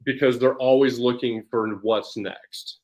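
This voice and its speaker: With a steady, unhurried mid-range voice and a slightly dark tone, a man in his forties talks casually in a podcast interview. He's a personal development coach, energetic, prone to restarts and repeated words.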